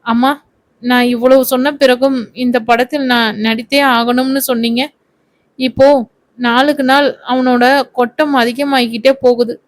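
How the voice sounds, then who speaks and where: A woman reading the part of a quick-tempered young actress who complains and argues with her mother. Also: on the high side, level tone, no room sound, close to an everyday voice. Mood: complaining. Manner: indignant, complaining.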